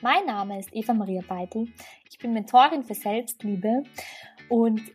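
A woman's voice: a little high, measured pace, slightly rough, faint music behind. A woman hosting a podcast, opening the episode and interviewing a guest with eager enthusiasm. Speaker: podcast host.

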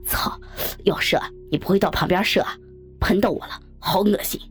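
A woman doing gruff leering young men. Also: normal speed, faint music behind. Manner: voice pushed low and gruff.

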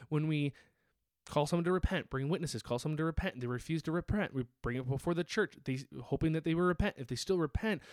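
A man's voice: fairly high pitch, no echo. A young adult man preaching a sermon in church, earnest and plain-spoken, often restarting and repeating his phrases. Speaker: pastor. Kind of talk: sermon teaching.

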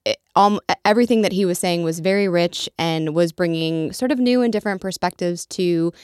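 A woman co-hosting a podcast in a casual chat, speaking informally with hesitant pauses. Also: lowish voice, darkish tone, clear, resonant tone, no room sound, studio quality. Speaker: podcast co-host.

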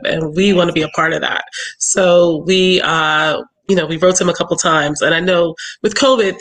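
A woman's voice: on the low side, rough recording. Laughing woman from Philadelphia. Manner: relaxed, laughs often. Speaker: travel business owner, guest. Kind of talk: casual interview chat.

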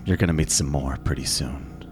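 A man's voice: sits low, measured pace. A man voicing a gaunt, cold, smug male villain in a tabletop game, speaking in a mocking, menacing way. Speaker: villain played by the game master.

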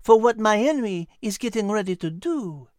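Brief: male reader as French heroine animal, high and lively. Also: dry recording, studio quality. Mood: excited. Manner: marveling, quick to piece things together. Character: clever French female animal, eager and warm-hearted. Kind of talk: storybook character voice.

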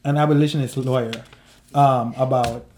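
A woman's voice: extremely low pitch, fairly even intonation, moderate pace, darkish tone. A woman co-hosting a podcast in casual chat, talking loosely with lots of fillers and frequent laughs. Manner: chatty, laughs often, many fillers. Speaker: podcast co-host.

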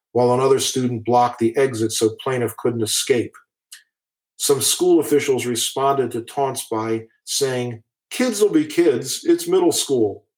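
A man with a mid-range voice reads out court cases at a slow, deliberate pace. He breaks off now and then with blunt, indignant remarks of his own before carrying on. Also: mid-range voice, a little mellow, poor audio. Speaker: commentator on school bullying cases. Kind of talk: talk.

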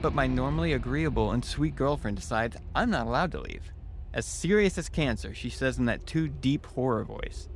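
A man's voice: medium pitch, lively intonation, normal speed, background noise. A man telling a scripted first-person horror story as its narrator. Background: music.

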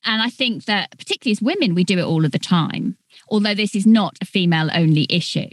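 A woman's voice: medium pitch, expressive, quick pace, no echo. Reflective woman hosting a podcast. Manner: reflective, asks long winding questions. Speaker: podcast host. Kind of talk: conversational interview.

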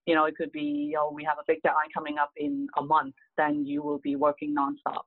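A woman's voice: low-pitched, fast, no room sound. Middle-aged woman, earnest guest; tinny dry phone audio. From Hong Kong. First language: Cantonese. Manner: earnest, many "you know" fillers. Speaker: guest, real estate agent. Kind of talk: casual interview answers.

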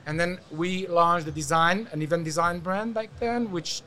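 A man's voice: sits high, normal speed, sharp tone, a little hiss or hum. A middle-aged man from Hungary with a Hungarian accent, answering questions conversationally as an interview guest. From Hungary, partly raised in Algeria. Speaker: podcast guest, event design entrepreneur.

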